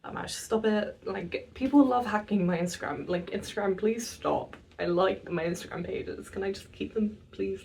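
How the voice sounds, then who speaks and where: A nineteen-year-old woman, chatting casually in a vlog, self-mocking and quick to laugh. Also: medium pitch, gravelly, a little mellow, recorded from a distance, a little hiss or hum. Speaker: vlogger.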